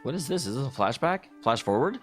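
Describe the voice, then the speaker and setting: A man's voice: medium pitch, big pitch swings, quick pace. A man hosting a let's play, giving casual, rambling gaming commentary with speculative and self-deprecating asides. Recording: faint game music behind.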